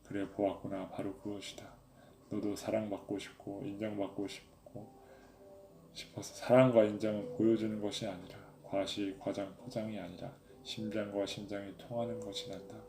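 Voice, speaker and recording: A male preacher voicing God as a loving father who speaks tenderly and asks gentle questions. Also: on the low side, little pitch movement, normal speed, creaky. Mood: tender fatherly. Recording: echoey room, faint background noise.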